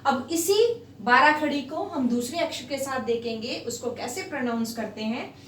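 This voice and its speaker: A woman's voice: sits high, lively intonation, moderate pace, fairly bright tone, a little hiss or hum. A woman teaching a Hindi lesson, drawing out each syllable and mixing in English words. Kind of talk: slow online Hindi lesson. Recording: echoey room, slightly far from mic.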